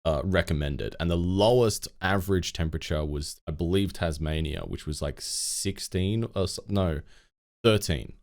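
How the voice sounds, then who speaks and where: A man's voice: deep voice, moderate pace, a little mellow. A man in his thirties with an Australian accent, co-hosting a casual podcast chat and rambling with lots of fillers and self-corrections. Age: 30s. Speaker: podcast co-host.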